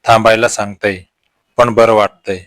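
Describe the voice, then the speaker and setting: A man voicing a lonely middle-aged woman who is fragile and guarded, speaking her lines softly. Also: fairly low pitch, level tone, moderate pace, dry recording, lightly acted. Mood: tender.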